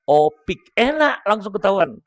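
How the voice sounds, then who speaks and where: A man's voice: sits high, big pitch swings, a little slow. A man giving a humorous religious motivational talk, joking with his audience and coaching them one by one. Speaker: motivational speaker.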